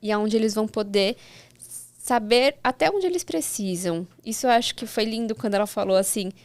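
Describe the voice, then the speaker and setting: A woman's voice: mid-range voice, fairly quick, no echo. A woman, a mother, speaking as a guest in a casual chat, reflective and full of "né" tags, quoting others.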